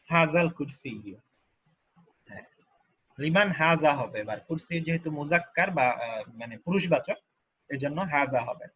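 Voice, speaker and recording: Bright husky-voiced man teaching Arabic grammar. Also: on the high side, highs cut off. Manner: patient, repeats each Arabic form slowly, asks learners questions. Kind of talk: online grammar lesson explained in Bengali.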